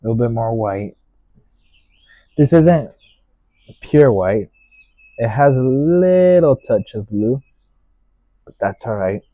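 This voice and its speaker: A man talks through a painting demonstration in a gentle instructor's manner. His pace is very unhurried, with short, musing phrases and a medium pitch. The sound is dry and a little dull, with no room around the voice. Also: lively intonation, dry recording. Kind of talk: unscripted painting tutorial narration.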